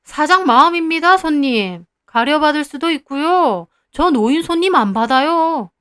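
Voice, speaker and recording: A rude male cafe owner, put on by a woman storyteller, pitched very high and loud. He snaps at people below him and fawns over those above him. It is a storybook reading. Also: expressive, normal speed. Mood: contemptuous. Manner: shrill, loud and snippy, turning to grovelling.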